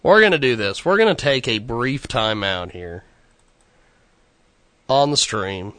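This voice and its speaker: A man hosts a casual live stream, rambling bluntly. His voice is forceful and swings widely in pitch. The sound is dry and close. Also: expressive, a little slow, no room sound. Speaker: show host.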